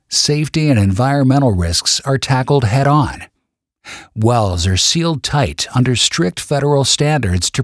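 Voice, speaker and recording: A man reading scripted documentary narration as a warm, measured announcer. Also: mid-range voice, no echo, clean studio sound.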